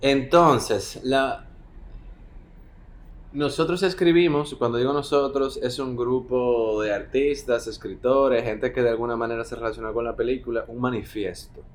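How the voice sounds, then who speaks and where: A man's voice: medium pitch, steady tone, moderate pace. A man from the Dominican Republic with a Dominican Caribbean Spanish accent, explaining things reflectively and colloquially in an interview. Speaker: film director being interviewed. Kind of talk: conversational interview. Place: home, beside a street with motorbikes. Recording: clear street noise behind.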